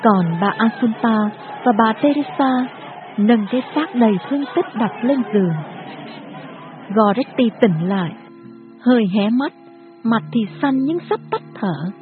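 A woman narrating a dramatic story in a steady, grave manner. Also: fairly high pitch, a little slow, a crowd in the background. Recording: tinny phone-like audio with music behind.

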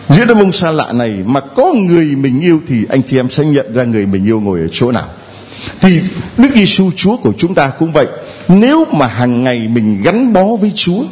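Lively teasing priest, man preaching. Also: a little high. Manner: teasing, playful with the congregation. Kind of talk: sermon. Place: church.

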